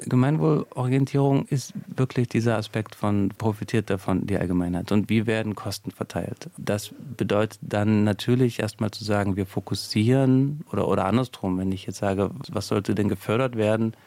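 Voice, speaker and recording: A man being interviewed as a guest, laying out his points at length and pausing on fillers as he thinks. His voice is low with a gravelly edge and a dark tone. The studio recording is dry and close. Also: no room sound. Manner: explanatory, thinks aloud with fillers. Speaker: sociologist guest. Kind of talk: radio interview.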